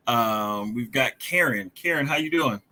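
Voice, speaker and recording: A man hosts a podcast, with a mid-pitched voice that sounds bright and forward. He asks questions in a friendly, loose way, often restarting sentences and filling gaps with uhs and ums. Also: expressive, unhurried. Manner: friendly, rambling, hesitant with uhs. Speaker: podcast host. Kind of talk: casual interview.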